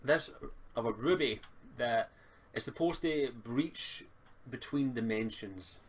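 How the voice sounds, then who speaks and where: A man with a mid-range voice narrates off the cuff as a game master for a tabletop session. He speaks casually and haltingly, sometimes cursing, in an amateur recording posted online.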